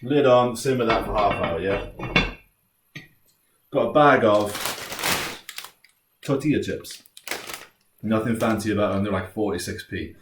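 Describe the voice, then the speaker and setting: A man's voice: fairly low pitch, unhurried, long pauses. A British man presenting a recipe in a laid-back, jokey, chatty way, like a casual cooking tutorial. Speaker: home cook presenting a recipe. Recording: roomy, distant mic, faint noise.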